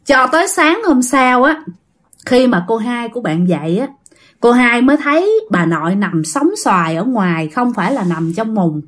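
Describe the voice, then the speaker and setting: Woman storyteller, fairly high voice, chatty ghost-story narration. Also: lively intonation, normal speed. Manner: chatty, addresses listeners directly. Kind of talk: casual ghost story telling.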